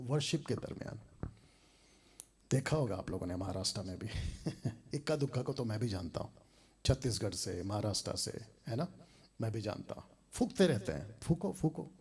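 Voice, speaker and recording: Husky, animated, mocking male preacher. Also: fairly low pitch, normal speed. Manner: scornful, mocking, laughs between points. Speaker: pastor and Bible teacher. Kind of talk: combative preaching message.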